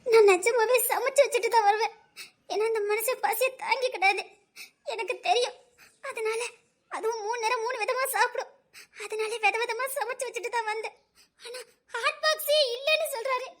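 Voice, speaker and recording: A woman's voice: very high voice, steady tone, brisk, fairly bright tone. A woman playing a devoted working wife who earnestly protests and tearfully pleads in a web drama. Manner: earnest, pleading protests, sobbing through laughter.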